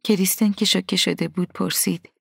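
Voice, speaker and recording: A woman reading a first-person story aloud in a soft, hushed, partly whispered way, with a husky voice. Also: lowish voice, fairly even intonation, no echo, clean studio sound. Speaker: audiobook narrator. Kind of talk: scripted first-person narration.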